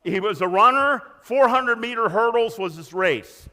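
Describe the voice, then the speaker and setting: A man in his sixties giving an energetic motivational keynote in a large conference hall, asking the audience questions. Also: very high voice, moderate pace. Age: 60s. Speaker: keynote speaker.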